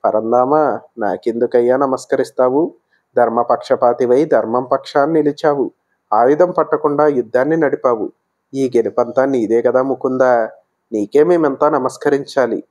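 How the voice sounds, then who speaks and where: A man voicing a gracious aged warrior grandsire who speaks gently and with praise. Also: mid-range voice, normal speed, lightly acted.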